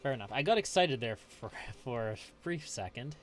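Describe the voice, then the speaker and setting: A man's voice: mid-range voice, lively intonation, moderate pace. A man hosting a let's play, chatting casually and reading game text aloud as he plays, often chuckling. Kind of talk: casual gameplay commentary.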